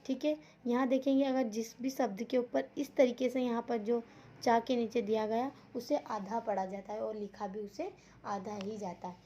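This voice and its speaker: A woman teaching an online lesson to young children, speaking slowly and deliberately, repeating words and asking questions as she goes. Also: a little high, steady tone, mellow. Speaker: school teacher.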